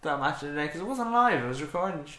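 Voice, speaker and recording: Male co-host, wry storyteller, bright tone, echoey room. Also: on the high side, expressive, fast. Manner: wry, tells stories with mock impressions. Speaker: podcast co-host. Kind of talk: casual football chat. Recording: echoey room with faint noise.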